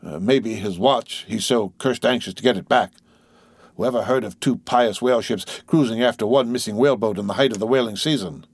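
A wry ship's mate gossips under his breath with a mocking edge, as a male reader puts him on. The delivery is unhurried and sly. The sound is close and dry. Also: medium pitch, breathy edge, dry recording.

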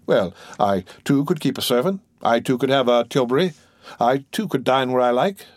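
A man's voice: mid-range voice, lively intonation, moderate pace, no room sound, clean studio sound, close to an everyday voice. A man voicing a sly, sentimental old male innkeeper who talks in a wheedling, sententious way, in an audiobook.

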